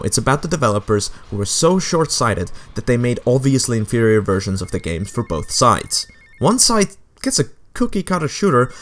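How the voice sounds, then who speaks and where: A young adult man narrating a video game essay with sarcastic, wry asides. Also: fairly low pitch. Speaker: game commentator.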